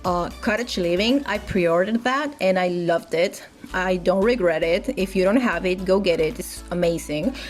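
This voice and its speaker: A young woman whose first language is Spanish talks in a lowish voice at normal speed, doing casual voice-over chat as a gaming YouTuber. She restarts often and uses lots of filler words, with faint music underneath.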